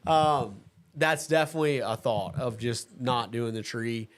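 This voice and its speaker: A man's voice: mid-range voice, a little slow. A man hosting a casual talk show, easygoing, laughing often and talking with plenty of fillers and restarts. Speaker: host. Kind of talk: casual chat.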